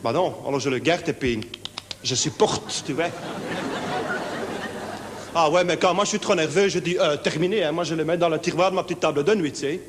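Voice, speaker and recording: Actor doing a high-strung Belgian insomniac, rambling with tics, live in a reverberant theatre. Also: male voice, fairly quick, long pauses, crowd noise, noisy background, close to an everyday voice. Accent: Belgian French. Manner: fidgety, rambling, full of verbal tics. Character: nervous naive lonely insomniac man. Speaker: stage comedian. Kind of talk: one-man stage show. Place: theatre stage with live audience.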